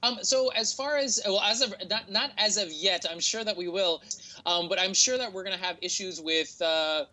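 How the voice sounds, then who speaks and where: A man with a standard American accent answers interview questions in a bright, forward voice. He explains in a halting way, pausing and repeating words as he works out his thought. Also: sits high. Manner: hesitant, halting, repeats words while thinking. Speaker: interview guest, tech entrepreneur.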